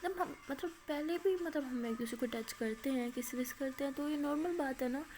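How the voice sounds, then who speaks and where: A woman telling a story voices a playful, teasing young woman in love, pleading and chatty, in a slightly high voice. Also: fairly quick, darkish tone, natural voice.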